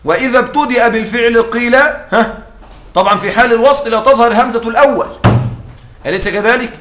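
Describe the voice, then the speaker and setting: A man teaching a grammar lesson, often checking that his students follow and reciting quoted lines slowly. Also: very high voice, a bit bright, reverberant. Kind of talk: classroom lesson explaining a text.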